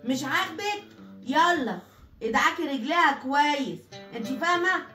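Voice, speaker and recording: A woman's voice: high voice, animated, normal speed, pushed and bright, recorded from a distance. A woman with an Egyptian accent playing a bossy, belittling mother-in-law in a comedy sketch. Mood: scornful. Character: harsh scolding Egyptian mother-in-law, middle-aged. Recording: echoey room with music behind.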